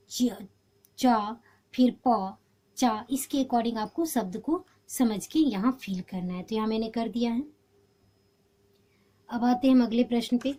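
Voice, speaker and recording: Woman teacher, patient and mellow, walking students through a lesson. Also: on the high side. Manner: patient, explains step by step. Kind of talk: homework walkthrough lesson.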